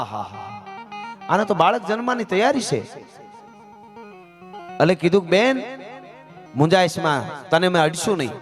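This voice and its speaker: A man telling a folk story on a live stage, dramatic and rhythmic, joking with the audience. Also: on the high side. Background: folk instrumental music.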